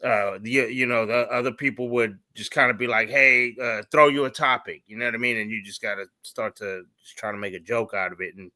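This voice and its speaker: A man's voice: mid-range voice, steady tone, a little fast, few pauses, sharp tone, no room sound. A man from Hawaii who is a comedian and educator, chatting in an easygoing, slangy way. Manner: easygoing, laughs often, slangy. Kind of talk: casual chat.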